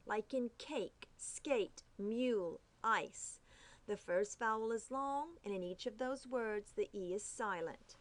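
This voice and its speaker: Woman, teacher, phonics lesson, slow pace, sounds out letters with care. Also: mid-range voice. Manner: spells out and repeats letter sounds carefully.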